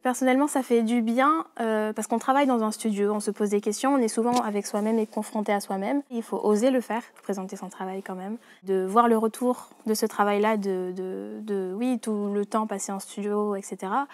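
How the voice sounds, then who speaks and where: Young woman in her twenties from French Guiana, a dancer-choreographer, speaking in a mid-pitched voice in an interview with many fillers. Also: fairly even intonation, a little fast, few pauses, a little mellow, faint music behind. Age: 20s. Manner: hesitant, many fillers and restarts. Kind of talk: interview monologue.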